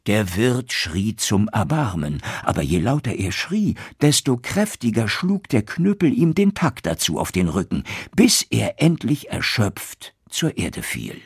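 A man reading a fairy tale aloud in a very dramatic, expressive storytelling manner. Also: fairly low pitch, measured pace, few pauses, slightly rough, dry recording, studio quality.

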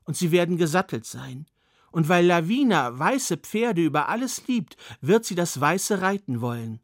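A man's voice: fairly high pitch, sing-song, normal speed, no room sound, studio quality. A man voicing an old woman who solemnly foretells a curse, in a storybook reading. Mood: ominous.

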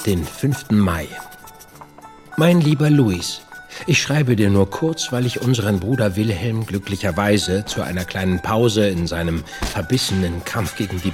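An actor playing an earnest elder brother and scholar, delivering formally in an audio drama. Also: male voice, lowish voice, close to an everyday voice. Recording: music behind.

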